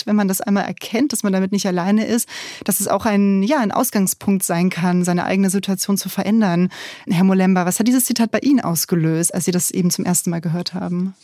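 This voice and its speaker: A woman hosts a radio interview in a composed, articulate way. She frames the topics and asks her guest clear questions. The studio sound is close and dry. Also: medium pitch, a little mellow, no echo.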